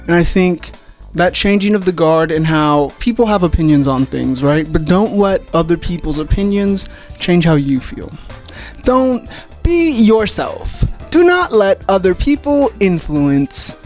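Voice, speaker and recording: A man's voice: a little high, lively intonation, normal speed, a little mellow, soft background music. A man hosting his video essay, who rambles casually, swears freely and pokes fun at himself. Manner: rambling, swearing, self-mocking.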